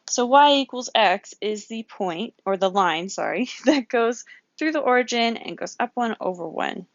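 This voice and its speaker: A woman's voice: mid-range voice, no echo, dull audio. A woman teaching a recorded geometry lesson, working problems aloud, counting grid squares and correcting herself as she goes. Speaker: math teacher.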